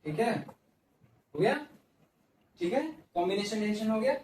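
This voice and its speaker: A man's voice: high voice, moderate pace, a little mellow, a little hiss or hum. A male science teacher lecturing at the board, repeating key terms and asking and answering his own questions. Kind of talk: classroom lecture. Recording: very echoey room, mic far off.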